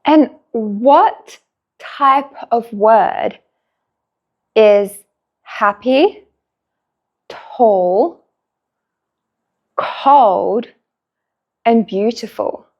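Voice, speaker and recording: A woman teaching a beginner English lesson, drilling simple sentences slowly and clearly with long pauses. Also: a little high, highs cut off.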